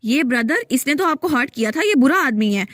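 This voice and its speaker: A woman's voice: high-pitched, lively intonation, fairly quick, fairly bright tone, dry recording, clean studio sound. A woman voicing a jumpy young man who flusters and backpedals in a storybook recap. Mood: flustered.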